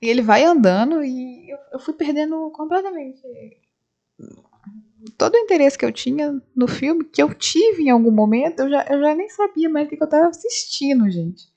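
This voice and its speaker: With a warm tone and a fairly high pitch, a woman retells a film for her channel from home, having just come back from the cinema. She goes scene by scene in a casual way, acting out the characters' dialogue, on a slightly dull lo-fi recording.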